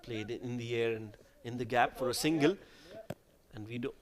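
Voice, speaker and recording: A man giving live cricket commentary in a conversational way, putting questions to his co-commentator. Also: medium pitch.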